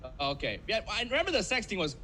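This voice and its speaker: A young man from Malaysia with a Malaysian English accent, doing a stand-up comedy set over a video call, telling stories deadpan and laughing at his own jokes. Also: sits high, quick pace, slight background noise, rough recording.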